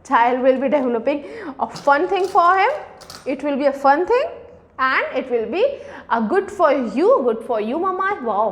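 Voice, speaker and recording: Lively Indian woman teaching parents. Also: high voice, a little hiss or hum. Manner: animated, asks and answers her own questions. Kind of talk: hands-on tutorial for parents.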